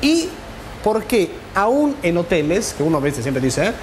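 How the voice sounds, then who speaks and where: A man's voice: high voice, very animated, normal speed. A middle-aged man with an Argentine accent, a chatty cooking and travel host presenting casually with frequent interjections. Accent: Argentine Spanish. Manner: chatty, interjecting, repeats others' words. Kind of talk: casual presenting, switching between Spanish and Italian. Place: hotel and large professional kitchen. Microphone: lapel. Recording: clearly noisy location sound.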